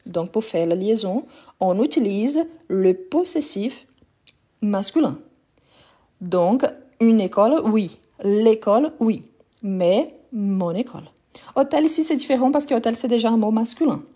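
A woman's voice: mid-range voice, dark tone, slightly rough. A Brazilian-accented woman, a native Portuguese speaker, teaching a live French grammar lesson and patiently repeating each example.

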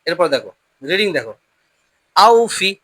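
A Quran reading teacher giving a patient lesson, drilling pronunciation call-and-response, often repeating questions and slowing down to model each word. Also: medium pitch, big pitch swings, a bit bright, dry recording.

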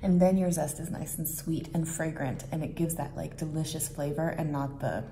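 A woman's voice: sits low, steady tone, moderate pace. A woman in her thirties chatting casually through a home baking demo in her kitchen, rambling with lots of fillers.

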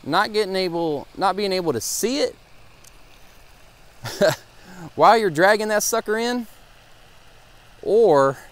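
A young man gives excited, casual running commentary to viewers while fishing from a pond bank, recorded on a head-mounted action camera outdoors. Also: on the high side. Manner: excitable, talks to viewers as guys. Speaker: fishing vlogger.

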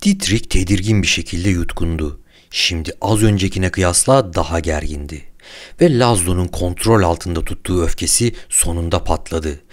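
A man narrating an audiobook in a measured, even storytelling delivery. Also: sits low.

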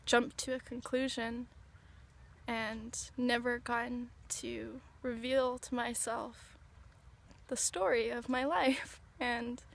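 Woman, twenties, high-ish and level voice, dreamy and earnest, tripping on mushrooms, self-shot outdoor vlog. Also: fairly bright tone. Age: 20s. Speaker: vlogger. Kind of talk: reflective personal vlog to camera. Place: outdoors on a sandy riverbank. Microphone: camera or phone at arm's length. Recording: outdoor ambient noise, handheld camera.

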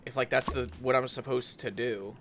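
A man's voice: medium pitch, fairly even intonation, normal speed, a bit bright. A man giving casual commentary while playing a game, yelping and swearing each time he gets hit. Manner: swears and yelps when hit. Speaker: let's play gamer. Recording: game music behind voice. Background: game music.

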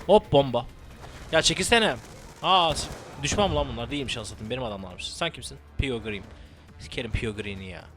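A young man narrating his own gameplay in a let's play, swearing freely and cracking jokes as he goes. His voice sits at an ordinary pitch, jumping into sudden excited shouts before dropping back to muttered remarks. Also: fairly quick, soft background music. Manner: profane, excitable, joking running commentary. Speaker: gameplay commentator.

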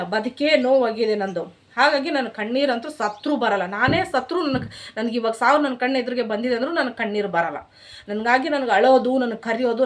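A young woman vlogger with a Kannada accent, scolding her viewers in an indignant, emphatic rant straight to camera. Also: fairly high pitch. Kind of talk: emotional direct-to-camera rant.

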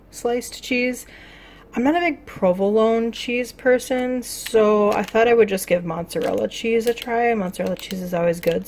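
A woman's voice: mid-range voice, darkish tone, a little hiss or hum. A young woman talking casually in her home kitchen as she cooks, rambling with lots of fillers, filmed on a phone held at arm's length. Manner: chatty and rambling, with many fillers. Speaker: cooking vlogger. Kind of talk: casual cook-along vlog. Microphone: phone camera at arm's length.

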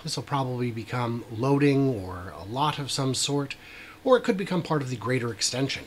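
In a small brick-walled room, a man in his forties hosts a YouTube video, offering chatty, wry commentary over drone footage and dropping plenty of "uh" fillers. His medium-pitched voice is expressive and moves at a normal speed, with a faint hiss or hum behind it.

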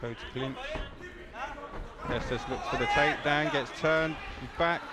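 A man's voice: on the high side, fairly even intonation, measured pace. A man giving live MMA fight commentary in clipped, present-tense phrases. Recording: loud venue crowd noise behind. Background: loud crowd.

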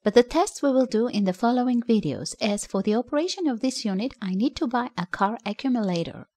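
A woman reading a scripted voice-over that explains an electronics build, in a steady explanatory way with slightly non-native phrasing. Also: fairly high pitch, a little fast. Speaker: electronics channel narrator.

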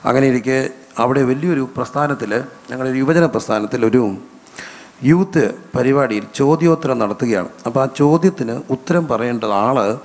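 A man's voice: mid-range voice, moderate pace, in a large hall. A man with a Malayali accent preaching a sermon as pastor, asking his congregation questions and answering them himself, stretching out key words. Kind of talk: sermon with call-and-response questions. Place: church hall.

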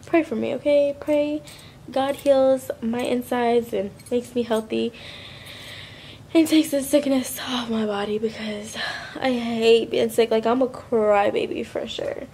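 This Florida lifestyle vlogger in her twenties is sick and chatting casually to camera, rambling in slang with a stuffy, nasal voice. Her pitch is on the high side and her tone dark, she talks a little slowly, and there's slight background noise.

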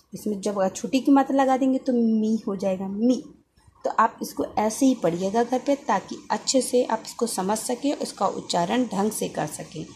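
A woman teaching young children, slowly repeating each syllable for them to echo. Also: on the high side, darkish tone, a little hiss or hum.

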